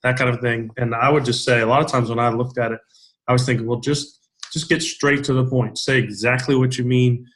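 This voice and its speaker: Man giving rambling encouraging feedback. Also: medium pitch. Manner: rambling, encouraging, with many restarts. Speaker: peer reviewer. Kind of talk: casual video-call feedback. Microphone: video call.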